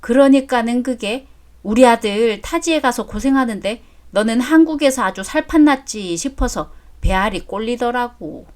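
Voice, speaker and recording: A woman's voice: a little high, moderate pace, darkish tone, natural voice. A woman voicing a brash, greedy older mother-in-law who talks bluntly and coarsely in a story drama. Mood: softened. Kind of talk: story drama read aloud.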